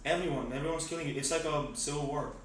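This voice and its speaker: A teenage boy from Venezuela answers questions haltingly, filling pauses and restarting his sentences. He sits at some distance from the mic in a very echoey room. His pitch is mid for a young man. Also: steady tone, a crowd in the background. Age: teens. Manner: hesitant, many fillers and restarts. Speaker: interviewee. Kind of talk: casual interview answers.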